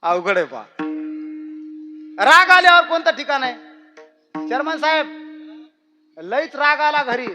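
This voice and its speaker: A man's voice: very high voice, lively intonation, unhurried, long pauses, bright, forceful tone, soft background music. A man preaching a humorous devotional kirtan sermon, telling rustic jokes and chanting verses.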